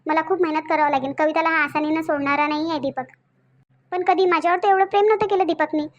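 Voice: extremely high pitch, steady tone, fast, muffled recording. A performer voicing a scheming young woman who gloats over her plan, with a Varhadi Marathi accent. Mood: gloating. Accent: Vidarbha Marathi (Varhadi). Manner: gloating, self-satisfied monologue. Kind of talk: cartoon voice acting.

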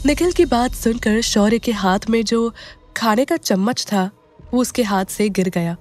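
A woman narrating a romantic audio drama in a dramatic, expressive way. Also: on the high side, measured pace, faint music behind. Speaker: storyteller.

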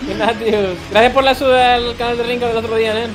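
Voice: mid-range voice, fairly even intonation, quick pace. A speaker, chatting casually as a co-op gaming partner. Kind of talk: casual co-op game chat. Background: loud game music.

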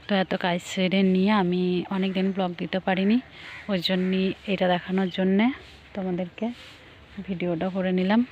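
Woman vlogger murmuring low outside, flat even tone, bit of faint outdoor noise. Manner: soft, hushed, chatty. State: cold and shivering. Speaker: village vlogger. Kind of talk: casual vlog walkthrough. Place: outdoors in foggy fields at dawn.

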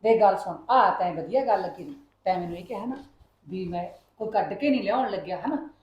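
A woman's voice: mid-range voice, expressive, a little fast, dull audio, lightly acted. A woman playing a mother who coaxes and counsels her son, sometimes firmly. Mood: coaxing. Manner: coaxing, motherly, rising to firm scolding. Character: middle-aged mother, calm then firm with her son. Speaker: mother in a short film. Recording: echoey room.

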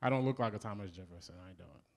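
A man's voice: fairly low pitch, fast, gravelly, heavy background noise. A man with a Haitian accent, from Haiti, doing a live stand-up set with a punchy, wry delivery. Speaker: stand-up comedian. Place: live comedy show stage.

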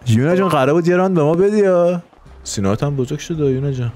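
A man's voice: a little high, a little mellow, faint music behind. A man streaming a crime game, improvising crude, flirtatious role-play banter and often laughing.

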